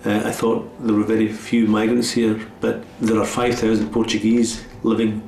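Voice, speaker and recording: A man's voice: fairly low pitch, monotone, normal speed, gravelly, a little mellow, reverberant, poor audio. A middle-aged Scottish man talking plainly and earnestly about his time away from home. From Scotland. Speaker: undercover newcomer looking for work. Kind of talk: casual chat and reflective talk.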